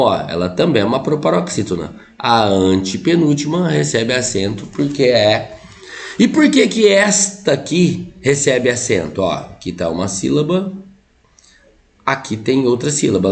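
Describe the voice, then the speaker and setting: A Brazilian man teaches a grammar lesson online, in a voice that jumps up and drops down all the time. He keeps pointing at the board and checking that his students are following. His tone is chatty and energetic. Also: mid-range voice. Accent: Brazilian Portuguese. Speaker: Portuguese teacher.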